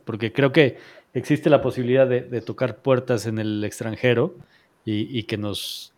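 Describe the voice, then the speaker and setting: A man's voice: on the low side, a little mellow. A man hosting a live online talk show, speaking with many fillers and restarts as he thanks his guests. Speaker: podcast host. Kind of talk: casual live-streamed chat.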